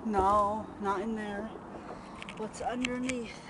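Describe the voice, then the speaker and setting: A woman's voice: mid-range voice, steady tone, slow, background noise. A young woman chatting casually and exclaiming often as she films herself geocaching outdoors on a handheld camera. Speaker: vlogger filming a geocaching trip. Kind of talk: casual chat while exploring. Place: outdoors, brushy desert lot.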